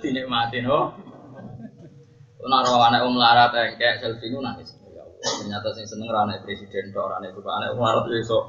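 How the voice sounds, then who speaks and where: A man with a Javanese accent leads a religious lesson, mixing jokes and frequent laughter with slow, chanted verses. His voice comes from a distance and echoes around a large hall. The sound is dull and muffled. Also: medium pitch, little pitch movement, bright, forceful tone. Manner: joking, laughing often, chanting Arabic verses slowly. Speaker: religious teacher. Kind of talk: religious study lecture.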